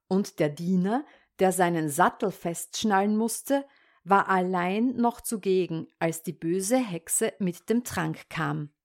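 A woman storyteller reading an old fairy tale aloud. She takes her time, very slow and deliberate, with a mid-range voice. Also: medium pitch. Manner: calm, measured narration.

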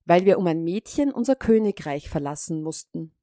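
A woman voicing a kind youngest brother in a fairy tale, speaking calmly and in a measured way. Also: fairly low pitch, no echo, clean studio sound, lightly acted.

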